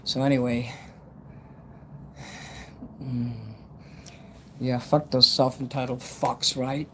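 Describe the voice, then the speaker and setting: A man's voice: mid-range voice, slow pace. Man in his fifties with whistling s sounds. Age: 50s. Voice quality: whistling s sounds from a dental retainer. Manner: blunt, rambling, frequently swearing. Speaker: livestream host. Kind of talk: casual livestream chat. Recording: steady background noise.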